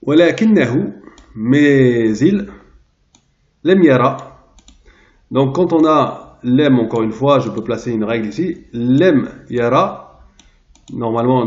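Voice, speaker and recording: A man teaching a translation lesson, pausing often and searching aloud for the right word. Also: mid-range voice, a little mellow. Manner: hesitant, searching aloud for words. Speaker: Arabic teacher. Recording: roomy, dull lo-fi sound.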